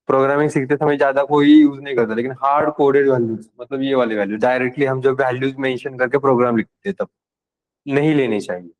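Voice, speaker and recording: A man's voice: fairly high pitch, poor audio. A man teaching a live programming class, talking casually and directly to his students. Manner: casual and direct with students, switching between Hindi and English terms. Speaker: programming instructor.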